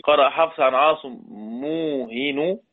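A man with an Egyptian accent teaching Quran readings. He explains slowly, chants the quoted verses and puts questions to his pupils. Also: medium pitch. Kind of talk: religious lesson. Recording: tinny phone-like audio.

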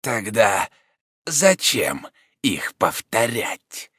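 A man's voice: lowish voice, very animated, fairly bright tone, husky, dry recording, clean studio sound, voice pushed up, full character voice. A man doing a feeble, mocking sick Jesuit. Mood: weakly mocking. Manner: weak, halting, ironic, half-whispered. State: feverish and exhausted. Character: gravely ill, cunning, mocking male Jesuit.

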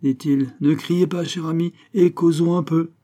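A man reading an audiobook and voicing a smooth-talking, menacing male villain with falsely genial politeness. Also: fairly high pitch, fairly even intonation, normal speed, warm tone, voice pushed up, close to an everyday voice. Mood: mock-polite.

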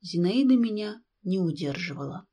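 A woman narrating a classic novel in first person, calm, measured and reflective. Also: mid-range voice, breathy edge. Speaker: audiobook reader. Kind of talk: scripted literary narration.

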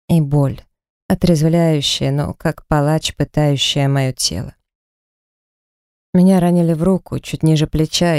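A woman narrating a first-person audiobook novel with dramatic, emotional reading. Her voice is mellow and smooth, recorded close and dry. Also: deep voice, dry recording.

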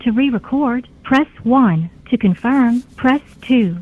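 A fairly high woman's voice reads out voicemail instructions in an even, measured way. She comes through a tinny landline phone, with a faint hiss underneath. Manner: even, measured prompt delivery. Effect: heard over a landline phone. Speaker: automated voicemail prompt. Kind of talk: recorded system announcement.

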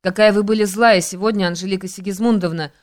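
A woman's voice: mid-range voice, a little fast, clear, resonant tone, close to an everyday voice. Woman voicing a mild young nobleman. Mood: placating. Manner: placating.

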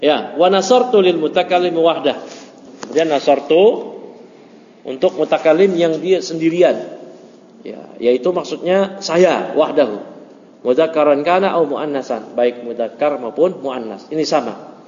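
A man teaching an informal grammar class, joking and chatty, mixing Arabic terms into relaxed explanations. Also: fairly high pitch, a little slow, slight background noise. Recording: muffled echoey room recording.

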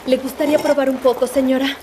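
An actress playing an anxious, deferential young slave cook in a dubbed period drama. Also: female voice, high voice, flat delivery, fast talker, background noise, natural voice. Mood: eager, deferential.

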